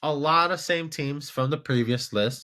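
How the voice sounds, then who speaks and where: A man's voice: fairly high pitch, unhurried, bright, forceful tone. A man hosting a casual sports commentary show, rambling and incredulous as he talks to himself. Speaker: show host.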